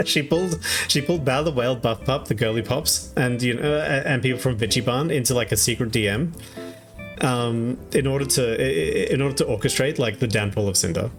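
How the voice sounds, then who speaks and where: A man's voice: medium pitch, lively intonation, moderate pace, soft background music. A young Australian man streaming, recapping online drama in rambling, casual chat with many fillers and frequent laughs. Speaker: VTuber streamer.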